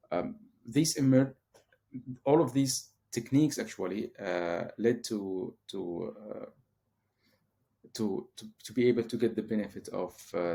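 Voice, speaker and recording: A man's voice: on the low side, vocal fry, dark tone. A man from Syria, a professor, answering interview questions hesitantly with many fillers and restarts. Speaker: guest, professor.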